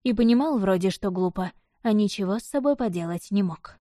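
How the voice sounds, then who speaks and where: A woman narrating a fantasy audiobook in a measured, even storytelling manner. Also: mid-range voice, dry recording, clean studio sound.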